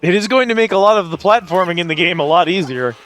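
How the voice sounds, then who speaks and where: Guy streamer chatting over game music, playful, voice kinda high and swinging all over. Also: lively intonation, fast talker, a bit bright, rough recording. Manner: playful, exclamatory greetings to viewers. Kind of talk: casual live gaming stream chat. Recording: music behind the voice.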